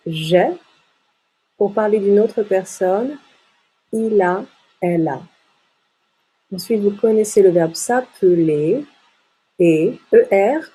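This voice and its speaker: A woman teaching a French lesson, repeating words slowly and distinctly to model their pronunciation. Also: medium pitch, warm tone, breathy edge, low-quality recording. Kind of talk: slow, clearly articulated lesson for learners.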